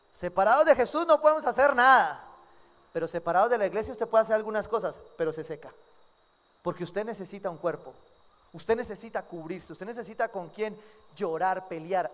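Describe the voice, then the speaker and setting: A man preaching a sermon as pastor, lively and joking as he acts out members of his church. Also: sits high. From Colombia. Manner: lively, acts out quoted congregants with humor. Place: church sanctuary. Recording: long church hall reverb.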